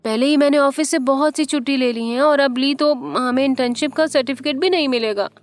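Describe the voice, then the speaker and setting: A woman's voice: fairly quick, no room sound, lightly acted. A woman narrator voicing a cheerful, playful young woman in an audio story. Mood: pleading. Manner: bright and chatty, raised pitch.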